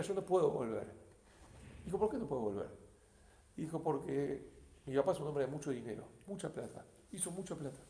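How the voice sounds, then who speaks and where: An Argentine man preaches a weekly sermon, retelling stories in a voice with plenty of vocal fry. He drops to soft narration and then rises to loud, emphatic bursts. The recording rings with the echo of a hall. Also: a little high. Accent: Argentine Spanish. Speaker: rabbi. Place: synagogue community hall. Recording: echoey room.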